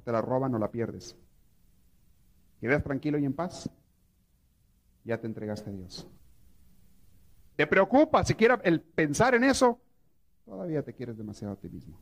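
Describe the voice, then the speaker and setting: A man's voice: mid-range voice, normal speed, pauses often. A man, a priest, teaching a prayer course to a live group, telling stories and asking his listeners questions. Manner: animated storytelling, asks the audience questions.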